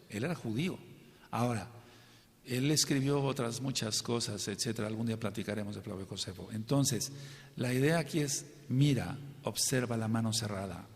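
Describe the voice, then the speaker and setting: A man preaching a teaching sermon to a congregation, stressing and repeating key points and asking his listeners questions. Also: mid-range voice. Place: congregation hall. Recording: long hall reverb.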